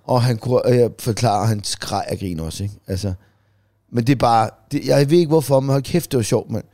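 A man's voice: medium pitch, dark tone, no echo, clean studio sound. A middle-aged man co-hosting a podcast, telling anecdotes in casual chat and laughing easily, checking in with "right?". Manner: laughing storyteller, repeats "ikke?". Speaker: podcast co-host.

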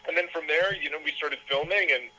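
A man, a documentary filmmaker, telling his story in an interview with quick, stumbling restarts. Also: fairly high pitch, pushed and bright, poor audio. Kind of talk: casual interview talk.

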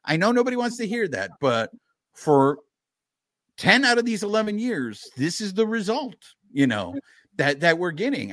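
A man hosting a sports podcast, delivering a sarcastic, animated rant in casual talk. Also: a little high, no echo. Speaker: podcast host.

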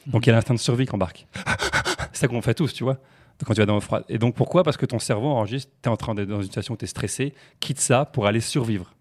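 A man talking quickly and with lots of animation on a casual podcast. He tells stories, jokes around, and often stumbles and repeats words before he gets going again. His voice sits at a middle pitch. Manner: fast, animated, jokey storytelling with repeated restarts. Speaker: podcast guest, comedian. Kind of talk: casual chat.

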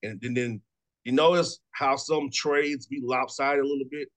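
A man's voice: mid-range voice, fairly even intonation. Chatty sports radio host in his thirties. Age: 30s. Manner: quick, chatty, repeats words, laughs often. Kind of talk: casual sports talk interview.

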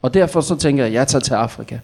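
A man's voice: mid-range voice, creaky, a little mellow. Man playing a rambling, boastful tall-tale teller. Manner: stammering, halting, with frequent fillers and self-corrections. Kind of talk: improvised comedy interview.

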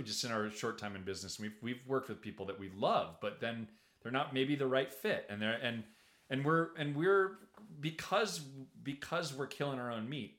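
A man's voice: medium pitch, fairly bright tone. Man with agreeable chat in an echoey room. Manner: agreeable, quick to affirm, repeats words. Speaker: podcast co-host. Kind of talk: casual podcast chat. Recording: roomy echo.

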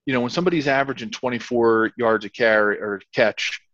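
A man's voice: medium pitch, fairly bright tone, no echo. A man co-hosting a football podcast, giving casual commentary in an emphatic, repetitive, stop-and-start way. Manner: emphatic, repetitive, halting phrasing. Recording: dull, slightly lo-fi sound.

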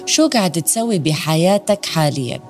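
A woman's voice: sits low, expressive, fairly quick, a little mellow, faint music behind. A woman hosting a motivational podcast, chatty and putting direct questions to listeners. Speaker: podcast host. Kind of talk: motivational storytelling.

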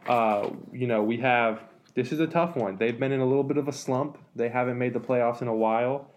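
A man co-hosting a casual sports talk show, analytical and relaxed, with many fillers and restarts. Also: medium pitch, brisk. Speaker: sports podcast co-host.

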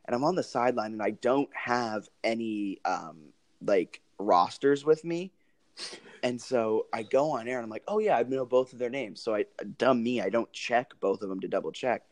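A man's voice: mid-range voice, moderate pace, dry recording. A man co-hosting a casual sports podcast, chatty and laughing often, drifting into side tangents. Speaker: podcast co-host. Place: lives in Hoboken, New Jersey.

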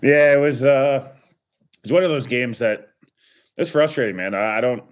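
A man guesting on a sports podcast, breaking down a game in a relaxed, reasoned, conversational way. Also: mid-range voice, normal speed. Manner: conversational, reasoned, laughs easily. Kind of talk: casual sports analysis chat.

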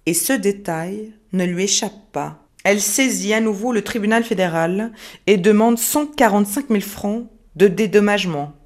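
A woman narrates a true-crime case in a measured, serious tone. She lets phrases hang with dramatic pauses, at a voice pitch typical for a woman. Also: darkish tone.

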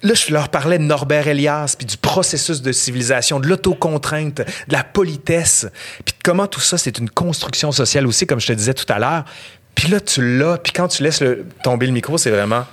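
A middle-aged man with a Québécois French accent, a history professor telling lively anecdotes as a podcast guest. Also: a little high, fairly quick. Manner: animated, acts out quotes and anecdotes. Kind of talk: casual interview storytelling.

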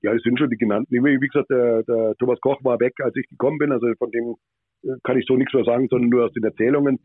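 Podcast guest: man from Bavaria, hesitant, filler-heavy, husky, on a dry phone-like line. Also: medium pitch, steady tone, fast talker, dry recording. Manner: hesitant, many fillers and restarts. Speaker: former hockey manager, podcast guest. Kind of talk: podcast interview answers.

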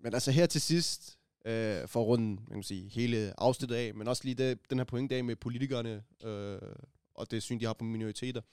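A young man co-hosting a casual podcast, talking in a lively, slangy way and often acting out what others said. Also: mid-range voice, clean tone, no echo, clean studio sound.

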